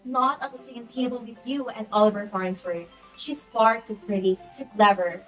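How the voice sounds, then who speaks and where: A woman's voice: fairly high pitch, normal speed, a bit bright, far from the mic, soft background music, close to an everyday voice, rough recording. A woman playing a snobbish, scheming society hostess in an amateur play, theatrical and imperious. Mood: dismissive. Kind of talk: amateur stage-play acting.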